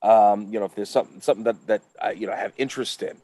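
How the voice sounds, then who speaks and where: A man's voice: lowish voice, steady tone, rapid-fire, warm tone. A man talking as a guest on a podcast, upbeat and emphatic, with motivational swings in his speech. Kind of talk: casual podcast chat.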